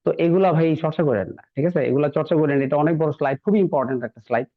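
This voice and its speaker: A man's voice: a little high, fast talker. Encouraging male English teacher, lo-fi. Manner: conversational, encouraging, repeats phrases. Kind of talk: classroom lecture. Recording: dull lo-fi recording.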